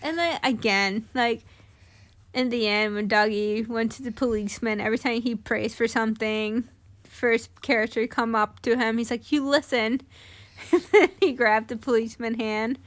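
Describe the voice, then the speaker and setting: A woman's voice: on the high side, steady tone, normal speed. A woman co-hosting a casual chat about a movie, laughing often and teasing her co-host. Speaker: podcast co-host.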